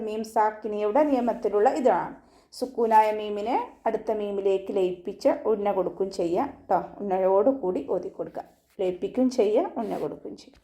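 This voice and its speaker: Explaining and reciting in a tajweed lesson, a patient woman with a mellow, medium-pitched voice walks through Quran recitation one step at a time. Her lines close with "kettō," and she chants verses slowly and at length.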